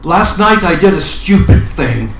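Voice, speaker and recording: A man speaks as an open mic poet, with slow, deliberate phrasing and a medium-pitched voice. The sound is roomy, with some faint noise behind him. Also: big pitch swings, fairly bright tone. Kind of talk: spoken introduction and dramatic poetry recital. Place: indoor open mic event room. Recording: roomy live recording with background noise.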